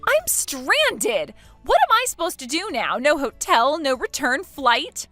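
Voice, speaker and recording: A woman's voice: high-pitched, very animated, fairly quick, pushed and bright, dry recording, faint music behind, exaggerated voice. A woman voicing an entitled young woman who whines and protests in rising outbursts, in a read-aloud text story. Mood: indignant.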